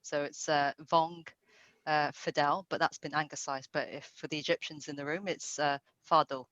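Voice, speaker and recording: A lively woman explaining things on a video call. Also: low-pitched, moderate pace, dull audio. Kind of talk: casual video call chat.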